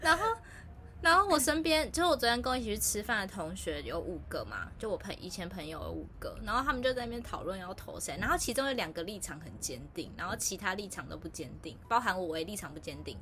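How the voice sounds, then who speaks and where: A woman with a Taiwanese Mandarin accent, co-hosting a podcast in casual chat, telling animated stories and acting out quotes. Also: medium pitch, fast, hardly any pauses, slight background noise. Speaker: podcast co-host.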